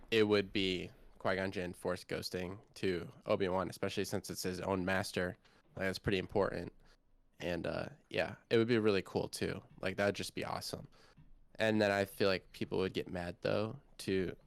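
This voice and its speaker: A young man co-hosting a casual fan podcast, talking excitedly and filling his sentences with "like". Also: low voice, gravelly. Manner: excitable, filler-heavy, says "like" often. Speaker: podcast co-host. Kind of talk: casual chat.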